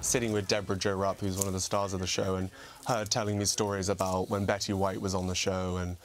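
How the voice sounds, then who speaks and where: A man's voice: low voice, flat delivery, fast. A young man of half English, half American background, a comic impersonator, chatting upbeat and bubbly in an interview, laughing often.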